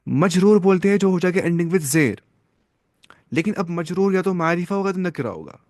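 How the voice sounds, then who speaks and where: A man's voice: high voice, animated, moderate pace, darkish tone, dry recording, clean studio sound. A man teaching an Arabic grammar class, who repeats key terms and keeps quizzing his students.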